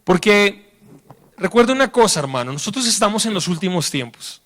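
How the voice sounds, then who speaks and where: A man's voice: high-pitched, moderate pace. A man preaching a sermon in a church, talking in a colloquial way and acting out the stories he tells. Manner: colloquial, animated storytelling with acted quotes.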